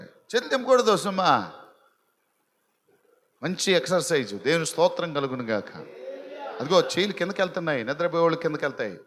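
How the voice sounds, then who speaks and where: In a big church hall before a live congregation, a male pastor with a high, fairly bright voice preaches a sermon. He builds intensity through repeated phrases and teases the congregation about sleeping.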